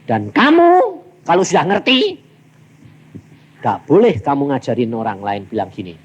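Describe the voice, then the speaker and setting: A man's voice: mid-range voice, moderate pace, lo-fi sound, a little hiss or hum. A man with a Javanese accent preaching a sermon, telling stories and acting out both sides of each exchange. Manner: animated storytelling, acting out dialogues with big vocal swings. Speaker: evangelist preacher.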